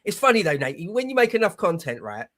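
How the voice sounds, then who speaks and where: A man's voice: sits high, sing-song, a little fast, fairly bright tone. A man in his forties co-hosting a casual political chat show, blunt and opinionated, swearing freely. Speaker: podcast co-host.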